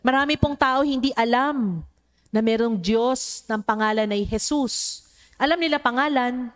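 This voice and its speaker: A woman with a slightly high voice and a measured pace preaches to a congregation in Tagalog, slipping English into her sermon. She addresses the listeners directly and acts out children's voices in her stories.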